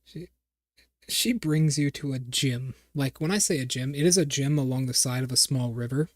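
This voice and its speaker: A man's voice: mid-range voice, moderate pace, no echo, studio quality. A man narrating a tabletop game as game master, rambling and searching for words as he explains.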